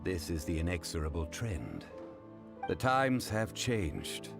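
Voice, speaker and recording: Solemn, scholarly funeral consultant for a game: deep, measured, formal, with wide inflection. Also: male voice, very animated, vocal fry, over music, exaggerated voice. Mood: solemn, composed. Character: composed, dignified male funeral parlor consultant, scholarly and solemn. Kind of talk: video game voice acting.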